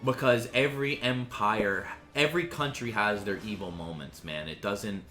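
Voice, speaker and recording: A man's voice: on the low side, normal speed, pushed and bright. Guy rambling and cussing over a strategy game, roomy echo, bit of music underneath. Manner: profane, rambling, restarts sentences. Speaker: gaming commentator. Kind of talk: casual rambling commentary. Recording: roomy sound with faint music.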